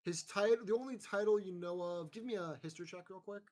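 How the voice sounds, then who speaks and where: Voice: mid-range voice, fast talker, darkish tone. A game master narrating a tabletop game in a casual, rambling way full of fillers.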